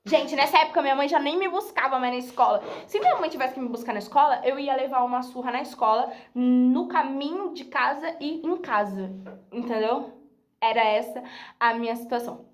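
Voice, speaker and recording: A woman's voice: high-pitched, fairly quick. A young Brazilian woman with a Brazilian Portuguese accent, telling a story to her viewers in a chatty, dramatic way and laughing often. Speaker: YouTuber. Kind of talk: casual storytelling vlog. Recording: roomy echo.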